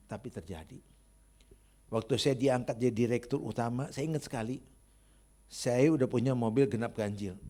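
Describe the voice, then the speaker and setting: A middle-aged man preaching, telling stories and acting out dialogue, then praying loudly and fervently. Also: mid-range voice. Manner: storytelling, acting out dialogue, laughing at own stories; loud fervent prayer. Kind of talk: sermon with testimony and prayer.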